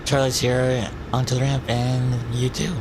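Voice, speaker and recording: A man with a medium-pitched voice plays the pilot in a flight simulator. He talks casually and makes radio calls, with clear cabin noise around him. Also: flat delivery, normal speed, a little mellow, poor audio. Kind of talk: casual commentary and radio calls while flying.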